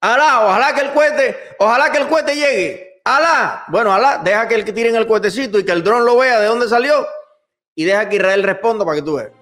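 A man's voice: sits high, expressive, brisk, fairly bright tone. A man, ranting sarcastically and mockingly in a played commentary clip. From Cuba. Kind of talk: online commentary rant.

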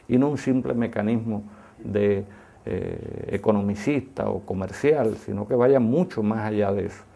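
A man speaks like a scholar in an interview. His voice is mellow and creaky, and he lays out his analysis deliberately, pausing and leaning on key words. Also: fairly low pitch. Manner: deliberate, didactic, with emphatic stresses and pauses. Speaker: academic expert being interviewed. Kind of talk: extended analytical interview answer.

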